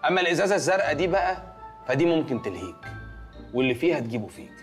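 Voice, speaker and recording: A smug gadget expert, explaining in a quick, slightly raised Egyptian voice and scolding the fools around him. Light music plays behind. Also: male voice, fairly high pitch, big pitch swings. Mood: mock-serious. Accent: Egyptian Arabic. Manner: mock-serious, scolding. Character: know-it-all man explaining strange gadgets.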